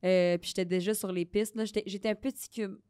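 A woman's voice: medium pitch, fairly even intonation, fast talker, dark tone, clear, resonant tone, no echo. Laughing Québécois woman, dry close sound. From Quebec. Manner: laughing, self-mocking storyteller. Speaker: guest. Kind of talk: casual podcast chat.

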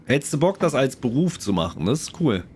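A man's voice: mid-range voice, a little fast, a little hiss or hum. A man streaming a game, chatting with viewers and reading in-game lore aloud. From Germany. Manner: chatty, lively, addresses viewers. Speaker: let's play streamer.

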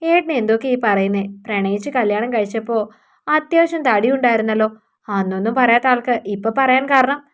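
A woman voicing a hurt young housewife who pleads and complains softly. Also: fairly high pitch, a little fast, natural voice. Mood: pleading.

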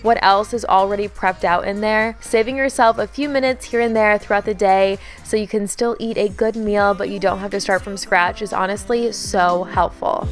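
A young woman narrates her cooking vlog in a chatty, upbeat voice-over, walking through each step as she goes. Her pitch sits in an ordinary middle range. Soft music plays quietly beneath her voice. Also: fairly even intonation, moderate pace, few pauses. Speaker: home vlogger.

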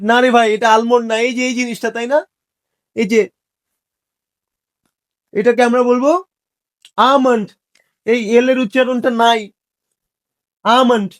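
A man teaching English pronunciation in a casual, joking way, teasing his viewers as he corrects them. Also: very high voice.

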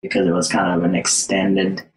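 A young Ugandan man appears as a podcast guest in a casual interview, answering hesitantly with many fillers and restarts. His voice is low and flat at a moderate pace, and the recording has a roomy echo and a little hiss or hum.

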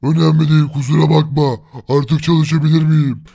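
A man voicing a calm, hulking male bodybuilder in a game video, speaking slowly and politely. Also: a little high, creaky, slightly rough, pitched below the performer's own voice. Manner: slow, unbothered, polite.

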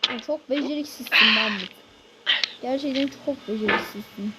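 A woman's voice: a little high, normal speed. A woman giving casual gameplay commentary, exasperated and scolding her game character. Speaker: gaming channel host. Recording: loud background noise.

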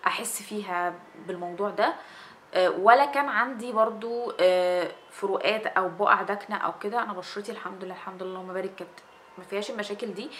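A young Egyptian woman talks quickly and chattily about a skincare serum, her hands moving as she speaks. Her voice sits at an ordinary middle pitch. A faint hum of room ambience sits under her webcam recording in a small indoor space. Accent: Egyptian Arabic. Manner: chatty, animated, gestures with her hands while talking. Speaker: beauty vlogger. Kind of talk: casual product review.

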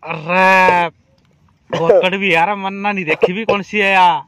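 A man's voice: high-pitched, steady tone, measured pace, a bit bright, clean tone, no room sound. A young man with a Haryanvi accent playing an easygoing village drinker in an amateur comedy skit. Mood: tipsy, chatty. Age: young adult. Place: open village field by haystack, outdoors. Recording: noisy outdoor phone-video sound.

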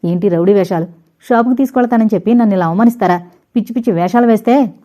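A woman voicing a proud, fiery young unmarried woman in an audio novel, speaking in a sharp, indignant, scolding way. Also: medium pitch, fairly even intonation, quick pace, natural voice.

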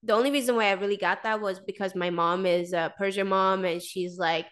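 Guesting on a podcast via video call, a thirtysomething woman raised in Sweden speaks briskly in a medium pitch, her intonation fairly even and her tone a bit bright and smooth. The casual interview talk is laced with fillers and "like," and a desk microphone sits close in frame in her small indoor room.

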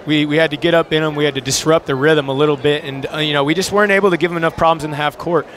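A young adult basketball coach speaks informally and earnestly in a post-game interview, wearing a headset mic courtside in an indoor arena. His voice is on the high side, a bit bright, very fast, with fairly even intonation. Crowd noise from the busy arena fills the background.

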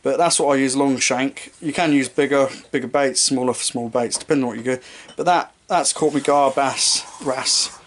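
A young fishing vlogger, in his twenties, presents his tackle to a close-range camera mic in a small striped-curtained room, at a moderate pace and medium pitch with fairly even intonation and slight background noise. The talk wanders casually, he corrects himself mid-sentence a lot, and he makes offhand jokes about his knots and lighting.

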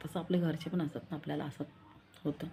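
A woman's voice: sits low, level tone, fast talker, creaky, dark tone, slight background noise. A young woman with a Marathi accent chatting in a rambling, confiding vlog style, repeating herself as she talks. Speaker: vlogger. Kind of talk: casual vlog chat.

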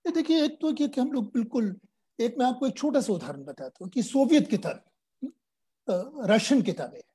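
A man's voice: extremely high pitch, expressive, normal speed, mellow, husky. An older man from Uttar Pradesh, India, giving earnest, explanatory interview answers as a guest and slipping English phrases into his speech. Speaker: guest science popularizer.

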